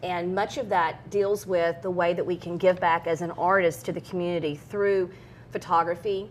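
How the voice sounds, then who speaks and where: A middle-aged woman, a guest in an interview, shares personal stories in an earnest, candid, conversational manner. Her intonation stays fairly even and she talks at a normal speed, with clear background noise and a low rumble in the recording.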